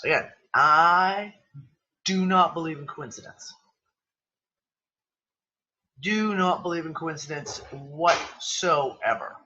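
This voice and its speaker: A man hosts a casual livestream chat through a computer mic on a video call, losing his voice and sniffling as he rambles, exclaims and swears freely. His voice is fairly high, slow and full of long pauses, pushed and bright, though the audio sounds dull.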